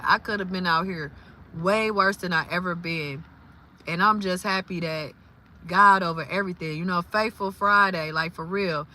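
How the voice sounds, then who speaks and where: A woman, talking casually about faith on a livestream, lively and quick to exclaim. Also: on the low side, a little hiss or hum. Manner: lively, exclaims and laughs often. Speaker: live streamer.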